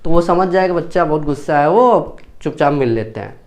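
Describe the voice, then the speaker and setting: A man's voice: fairly high pitch, lively intonation, fairly quick, a little mellow. A man. He goes over every point more than once and keeps checking that the students follow. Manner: repeats points and checks understanding often. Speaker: English teacher. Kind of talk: classroom grammar lesson in Hindi.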